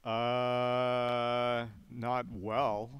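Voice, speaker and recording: A man's voice: mid-range voice, completely flat delivery, extremely slow, fairly bright tone, clean tone, no echo. A man casting esports with wry, self-deprecating banter. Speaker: esports caster.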